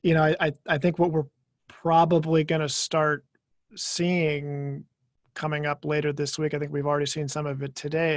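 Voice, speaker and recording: A man giving a professional webinar talk as an attorney, measured and explanatory, with fillers and repeated words. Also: on the high side, no room sound.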